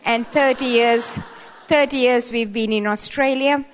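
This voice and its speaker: Speaking a little slowly with a steady tone, a Sri Lankan guest speaker in her seventies keeps things playful and conversational at a women's church event, tossing in rising, emphatic asides. Her voice is on the high side, with a little hiss or hum. A long hall reverb surrounds her.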